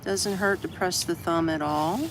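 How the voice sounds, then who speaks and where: Broadcasting live from an open shed in a city park, an older Orlando, Florida native rambles casually and reads out viewers' comments. His medium-pitched voice is steady and unhurried, and outdoor street traffic noise runs in the background.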